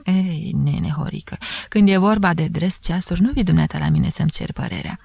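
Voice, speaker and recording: A woman's voice: low voice, creaky, husky, no room sound, heavily acted. A woman doing a sly coaxing police chief. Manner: sly coaxing, slipping into hushed asides. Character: smug flirtatious middle-aged male police chief.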